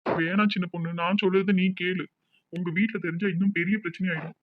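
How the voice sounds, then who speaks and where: A man's voice: high-pitched, fairly even intonation, fast talker, phone-quality sound, a little hiss or hum, lightly acted. A man voicing a distraught young village man with a Tirunelveli accent, talking in an anxious, pleading, tearful way in a cartoon. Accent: Tirunelveli Tamil.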